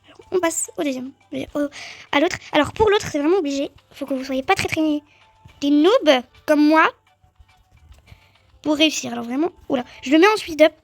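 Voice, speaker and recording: A woman giving chatty, excitable let's-play commentary on a game, talking straight to her viewers. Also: sits high, moderate pace, long pauses, dry recording, faint music behind. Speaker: gaming video creator.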